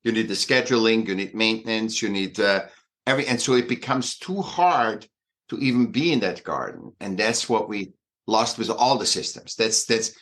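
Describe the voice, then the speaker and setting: A man in his sixties with an Austrian accent speaks in a fairly low voice. He talks in a halting, emphatic way, stopping to restart his thoughts. His speech is full of fillers as he speaks as a guest in an interview. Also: animated, a bit bright. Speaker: guest artist and educator. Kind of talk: conversational interview.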